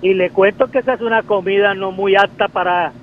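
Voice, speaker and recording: A man's voice: high-pitched, fairly even intonation. A man from Colombia's Valle del Cauca with a Valle accent, calling in to a radio show and chatting agreeably. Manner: chatty and agreeable, quick to confirm. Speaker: caller. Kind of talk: casual radio call-in chat. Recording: dull phone line with faint noise.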